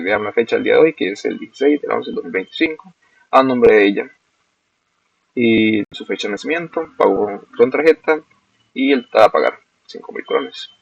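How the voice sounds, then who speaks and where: A young man, a student walking through a screen-recorded software demo step by step and correcting himself as he goes. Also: lowish voice, creaky, no echo. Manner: explains step by step, self-corrects. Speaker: student presenting a project. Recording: dull, lo-fi dry recording.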